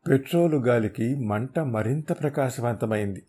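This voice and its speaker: Mellow-voiced male audiobook narrator. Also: medium pitch, breathy edge. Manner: steady, measured storytelling. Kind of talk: first-person novel reading.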